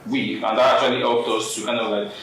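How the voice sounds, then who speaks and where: A man's voice: medium pitch, level tone, quick pace, a bit bright. A young Nigerian man explaining things informally as an interview guest. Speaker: interview guest, trading competition participant. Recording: very echoey, distant mic, faint noise.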